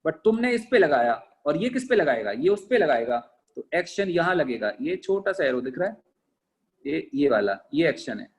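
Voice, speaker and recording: A man with a fairly high voice teaches a physics class. He keeps asking questions and answering them himself. He slows right down to dictate sentences for notes. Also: very animated. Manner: mixes Hindi and English. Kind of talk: classroom lecture.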